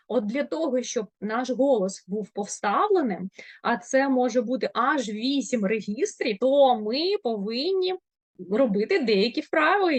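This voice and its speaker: A woman with a Ukrainian accent teaching a diction class, animated and demonstrating tongue twisters at speed. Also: on the high side, no echo. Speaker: speech coach.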